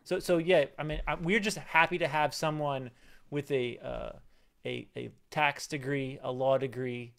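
A man's voice: medium pitch, steady tone, a little slow, vocal fry, fairly bright tone. A man improvising a sitcom scene, hesitant and fumbling, with many fillers as he talks around things. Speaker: improv comedy performer.

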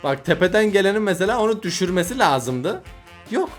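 A man's voice: sits high, big pitch swings, brisk, soft background music. A man hosting a casual reaction video, exclaiming and groaning at mishaps as he comments on clips.

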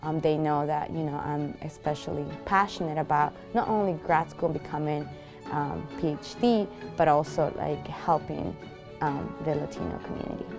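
A woman's voice: low-pitched, steady tone, moderate pace, vocal fry, music in the background. A young woman from Peru, a graduate student speaking earnestly in an interview with many fillers. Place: library room. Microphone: lapel.

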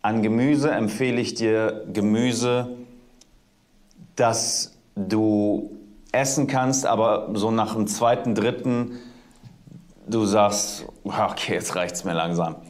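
A man giving slow, drawling, preachy advice in a played video clip. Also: lowish voice, fairly even intonation, a little mellow.

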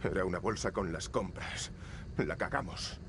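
A man's voice: low-pitched, lively intonation, moderate pace, background noise. A man playing a troubled young soldier in a video game, speaking earnest, defensive Castilian Spanish in a dramatic style. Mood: guilt-ridden. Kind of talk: dramatic game dub acting.

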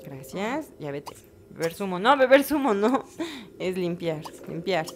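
A woman giving casual let's-play commentary, chatting to her game characters with bursts of excited exclamations. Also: fairly low pitch, measured pace, background noise. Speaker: gaming channel host.

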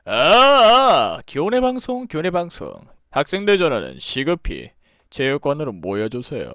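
A man's voice: a little high, wildly swooping pitch, unhurried, a bit bright, no echo, clean studio sound, full character voice. A man reading a bear mascot's school intercom announcement aloud in a put-on voice, opening with a mic check and repeating a formal summons. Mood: announcing. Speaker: game streamer. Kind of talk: reading visual novel lines aloud.

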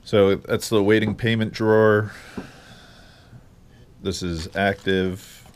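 An online reseller shows off his small home workroom in a casual tour filmed on a head-mounted action camera. His lowish voice stays level and slow, rambling with plenty of fillers, and there's a slight hiss or hum on the recording.

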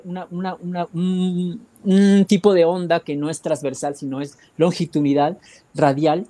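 A man with a Mexican accent giving a rambling spiritual talk, often searching for words and filling pauses. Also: fairly high pitch, warm tone. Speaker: guest speaker.

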